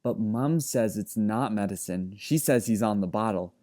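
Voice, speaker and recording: A man's voice: on the low side, moderate pace, warm tone, natural voice. A man reading aloud, voicing a bossy little village girl with a piping voice and a condescending manner. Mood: irritated. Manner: disapproving, condescending.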